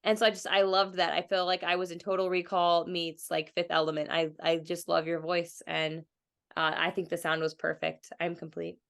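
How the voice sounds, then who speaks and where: A woman's voice: fairly low pitch, flat delivery, normal speed, gravelly. A woman sharing her experience of a meditation with a group on a video call, chatty and enthusiastic. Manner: chatty, heavy use of "like", enthusiastic.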